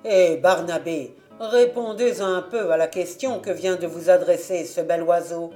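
A woman's voice: sits low, animated, measured pace, faint music behind. A woman reading a storybook aloud and voicing a castle lord who questions his servant and rewards a guest. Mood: commanding. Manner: authoritative, loud. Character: commanding, kindly male castle lord.

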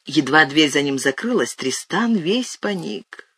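A man narrating an audiobook with expressive, animated storytelling. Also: a little high, measured pace, breathy edge, no room sound, studio quality. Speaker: audiobook reader. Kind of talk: scripted narration.

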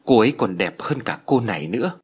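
A man's voice: lowish voice, sing-song, a little fast, slightly rough. A man voicing a blunt, tactless young man from the countryside in an audio story. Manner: blunt, matter-of-fact.

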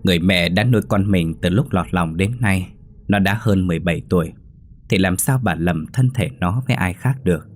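A man narrating a ghost story in a measured, dramatic reading. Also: sits low.

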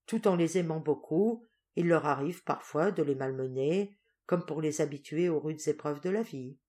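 A woman narrates a storybook audiobook in a somewhat low voice. Her reading is expressive but steady. She carries the story at an even pace. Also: normal speed. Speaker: audiobook reader. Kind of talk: scripted narration.

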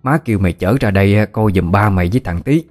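Man putting on an old mother, scolding, brisk, low voice. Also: darkish tone, soft background music, lightly acted.

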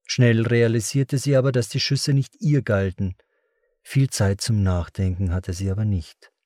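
A man reading a novel aloud as narrator, in a measured and dramatic storytelling voice. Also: fairly low pitch, fairly even intonation, dark tone, dry recording, clean studio sound. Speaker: audiobook narrator. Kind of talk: scripted narration.

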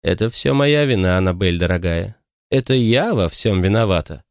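A self-satisfied elderly spinster speaks in a sweet, smug, lilting voice, as a man puts her on in a raised register. Her pitch swings widely as she talks. The recording is dry and close. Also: animated, moderate pace, clean tone, no echo. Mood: teasing.

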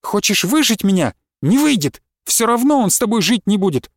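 A man reading aloud, voicing a defiant young woman who shouts back in a storybook. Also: on the high side, animated, fast talker, dry recording, studio quality, close to an everyday voice.

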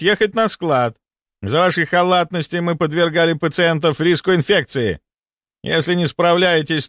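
A man voicing a shrill, bullying middle-aged male hospital deputy chief in an audiobook, with a hectoring, indignant manner. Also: fairly bright tone, clean tone, dry recording, clean studio sound. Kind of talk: audiobook character voice.

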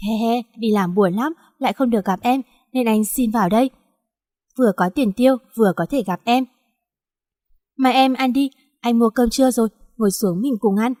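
A woman's voice: a little high, normal speed, a little mellow, dry recording, studio quality, long reverb tail, lightly acted. Woman doing a hot-tempered young teacher in a storybook reading, commanding. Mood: teasing.

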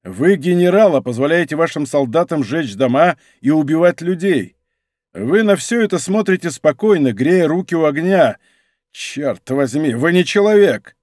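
A male narrator puts on a hot-headed young musketeer from an audiobook. He talks with fiery exclamations, his lively voice leaping high and dry. The temper never fully cools. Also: normal speed, no echo. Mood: indignant.

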